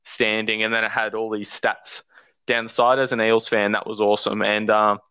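A man's voice: lowish voice, flat delivery, normal speed, sharp tone, smooth, dry recording, dull audio. An Australian man chatting casually as a podcast guest and sports fan, hesitant and thinking aloud.

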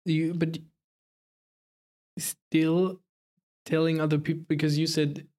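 A man hosting a podcast, asking questions in a casual, hesitant way with frequent pauses and restarts. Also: fairly high pitch, flat delivery, dark tone. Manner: hesitant, many fillers and restarts. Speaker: podcast host. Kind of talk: casual interview.

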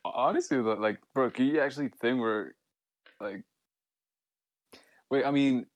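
A man's voice: mid-range voice, normal speed, dry recording. A nineteen-year-old man from Costa Rica co-hosting a casual podcast, rambling and swearing freely. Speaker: podcast co-host. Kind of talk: casual chat.

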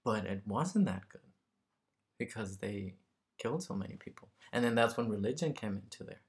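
A man's voice: fairly low pitch, animated, moderate pace. A man from Mexico talking casually and reflectively as a guest, searching for words and checking in with the listener. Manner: tentative, searching for words, often tags statements with "right?". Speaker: interview guest.

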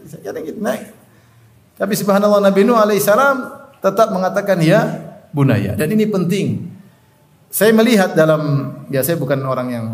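This middle-aged man speaks, and his voice sits fairly high for a man. He preaches with animated storytelling and often pauses so the listeners can finish his sentences. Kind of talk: sermon.

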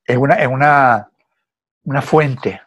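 A man's voice: mid-range voice, slow pace, fairly bright tone. A man with a Venezuelan accent in casual film chat, hesitant and repeating words as he tells stories.

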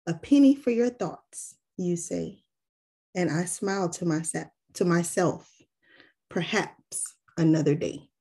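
A woman podcast co-host, reading an erotic poem aloud in a breathy, unhurried way. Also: on the low side, mellow. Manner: giggly, laughs often, reads poem slowly. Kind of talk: casual chat and poem reading.

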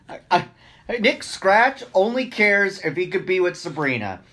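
A man's voice: high-pitched, big pitch swings, a little slow, bright, forceful tone. A man co-hosting a casual podcast who stammers and repeats words as he starts his comments. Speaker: podcast co-host. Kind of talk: casual recap chat.

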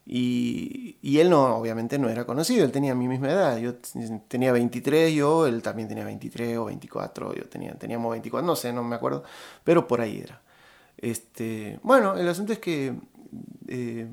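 A middle-aged man with an Argentine Spanish accent, casually telling a rambling anecdote, halting often with fillers and restarts. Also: medium pitch, creaky. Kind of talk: casual storytelling.

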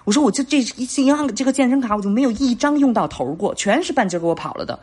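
A woman in her thirties co-hosts a podcast, her fairly high, slightly rough voice moving at a quick pace. She tells stories in casual chat, animatedly acting out the dialogue and laughing often.

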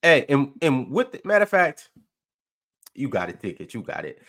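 A man's voice: mid-range voice, huge pitch swings, normal speed, a bit bright. An American man hosting a sports talk panel, reading viewer comments and debating casually with dry teasing.

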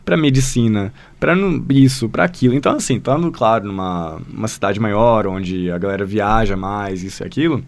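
A man with a Brazilian Portuguese accent, founder of a language school, talks on the low side and fairly quickly, with few pauses. Guesting on a casual podcast, he rambles as he tells stories, sprinkles in plenty of fillers and regularly speaks directly to the listener.

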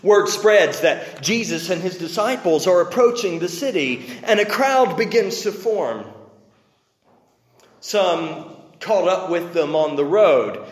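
A male preacher with a fairly high voice delivers a slow, dramatic sermon, rising to loud declamation and dropping to hushed low tones. His voice rings out through a large, roomy hall with long reverb.

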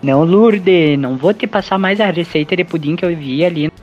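A man's voice: on the high side, moderate pace, a little mellow, lo-fi sound, faint music behind, close to an everyday voice. A man voicing a gossipy small-town neighbour lady, chatty and full of local slang.

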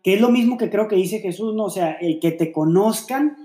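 Male podcast co-host, mellow tone, thoughtful and rambling, echoey room. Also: sits high, normal speed. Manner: reflective, explains with many fillers and rhetorical questions. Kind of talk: casual faith-based relationship chat.

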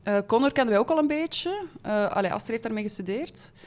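A woman's voice: fairly high pitch, lively intonation, fast talker, a little mellow. Laughing chatty Flemish woman. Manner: chatty, laughs often, many fillers. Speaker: podcast guest, actress. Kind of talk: casual chat.

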